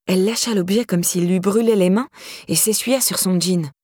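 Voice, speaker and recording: A woman narrating an audiobook in a steady, measured reading. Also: medium pitch, no echo, clean studio sound. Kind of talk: scripted narration.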